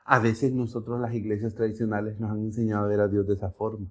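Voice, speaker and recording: A man's voice: on the low side, fast talker. Conversational man preaching a sermon. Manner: conversational, keeps asking the congregation "¿verdad?"; animated storytelling with acted-out voices and jokes. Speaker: pastor.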